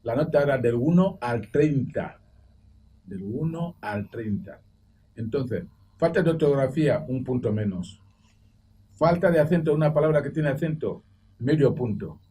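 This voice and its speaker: An older man from Equatorial Guinea, a former school director, telling animated anecdotes and acting out quoted voices on a television roundtable. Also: mid-range voice. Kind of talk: roundtable debate. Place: TV studio. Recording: distant mic with faint background noise.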